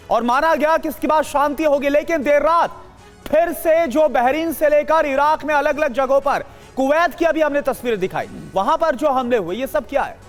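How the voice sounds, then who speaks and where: A woman anchoring a live television news broadcast, reading breaking updates and putting questions to guests. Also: high voice.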